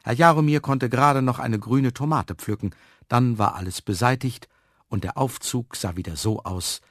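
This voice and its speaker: A man reading a children's story aloud, expressive and lively. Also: mid-range voice, normal speed, dry recording, clean studio sound.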